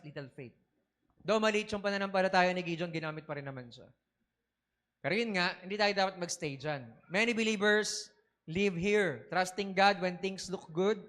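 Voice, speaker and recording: A man preaching a sermon as a bishop, lively and quick to ask the congregation questions, slipping English phrases into his talk. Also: fairly high pitch.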